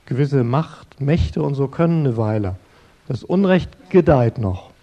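A middle-aged man preaching in an earnest, conversational way, turning to his listeners directly. His voice is mellow and warm. The recording sounds a little dull and lo-fi. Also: medium pitch, lively intonation, a little slow. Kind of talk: sermon-style talk.

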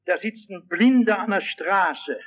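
A man preaching a sermon, addressing his listeners directly and telling a story in which he acts out the shouting voices. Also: high voice, animated, unhurried, highs cut off, a little hiss or hum.

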